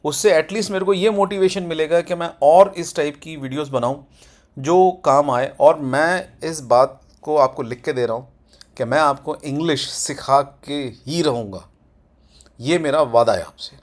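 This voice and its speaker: A man teaching grammar in Hindi, drawing out example sentences slowly for pronunciation. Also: fairly high pitch. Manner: slow, drawn-out model sentences for pronunciation. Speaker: English teacher. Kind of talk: Hindi-medium grammar lesson.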